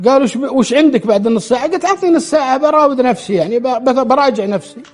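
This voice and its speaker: A man's voice: extremely high pitch, expressive, racing, darkish tone, faint music behind. A man telling a true story aloud, relaying the dialogue in quotes and often restarting his words. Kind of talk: spoken storytelling.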